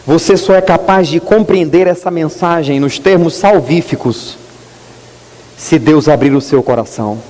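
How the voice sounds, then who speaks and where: A male pastor preaching an earnest sermon in a church, stressing words slowly. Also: fairly high pitch, darkish tone. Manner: earnest preaching, rising emphasis and slow drawn-out stresses. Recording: long hall reverb.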